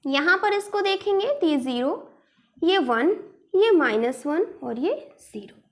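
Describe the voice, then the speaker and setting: A woman teaches an online maths class in a very high voice. She talks slowly and patiently, walking through every step and asking her students rhetorical questions. She sounds close to the microphone, as in a recorded voice-over. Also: expressive.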